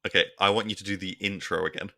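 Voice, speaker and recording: Podcast co-host, male, low and bright, playful banter with frequent laughs. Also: little pitch movement, rapid-fire. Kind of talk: casual chat.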